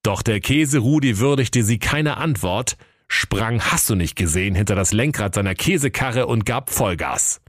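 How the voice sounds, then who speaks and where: A man's voice: on the low side, animated, normal speed, dry recording. A man narrating a comic fairy tale in a dry, playful storytelling manner.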